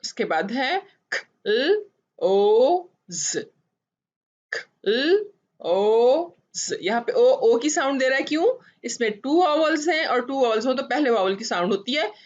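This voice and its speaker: A woman's voice: sits high, very animated, a little mellow, lo-fi sound. A woman teaching phonics, sounding out letters and stretching each word as she repeats it. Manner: drawn-out, repeated word pronunciations.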